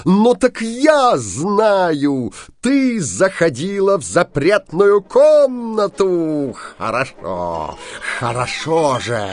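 A man voicing Bluebeard, a cruel, tyrannical husband who bellows slow, drawn-out threats in a storybook tale. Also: very animated, dry recording, full character voice. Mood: furious. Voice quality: booming, shouting, drawn-out threats.

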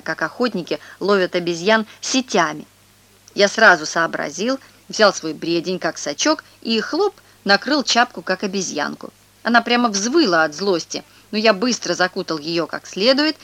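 A woman reading a children's story aloud in a lively, expressive way. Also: mid-range voice.

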